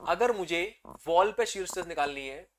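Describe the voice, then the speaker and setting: A male lecturer preps students for an engineering exam, calling them "beta" and answering the questions he asks. His pitch is fairly high, his pace a little fast, and he swings energetically into loud excitement.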